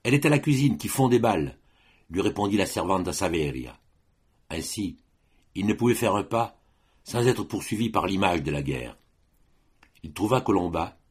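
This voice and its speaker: A man reading a classic novel aloud as an audiobook narrator, in a measured, even way. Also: low voice, husky. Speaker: audiobook reader. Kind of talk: literary narration.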